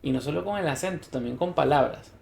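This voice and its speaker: A man's voice: fairly high pitch, quick pace, vocal fry. A Venezuelan man co-hosting a podcast, chatting casually and acting out the dialogue in his stories. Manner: lively storyteller who acts out quoted dialogue. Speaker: podcast co-host. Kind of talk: casual chat. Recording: roomy echo.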